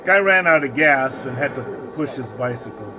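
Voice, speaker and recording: A man's voice: mid-range voice, animated, moderate pace. Blunt lecturing male commentator. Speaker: host commenting on a video clip. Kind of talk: voice-over reaction commentary.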